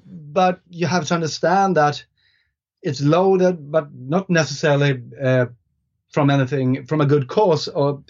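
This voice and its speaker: A guest author whose first language is Swedish thinks aloud in a casual podcast conversation, thoughtful and hesitant with many fillers and restarts. His voice is a little high and darkish, with fairly even intonation and an unhurried pace. The audio sounds slightly dull and lo-fi.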